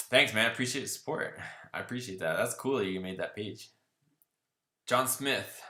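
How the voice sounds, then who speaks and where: The host of a car channel livestream reads viewer comments out loud during a casual Q&A and chats back loosely, riffing in a laid-back style. His voice is lowish, bright and forceful, with roomy sound.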